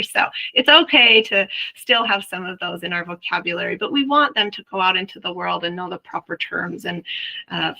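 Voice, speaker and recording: A woman's voice: mid-range voice, gravelly, sharp tone, poor audio. A woman, a mother, giving a chatty webinar presentation on early learning, explaining ideas through everyday examples and speaking directly to her audience. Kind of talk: webinar presentation to health workers.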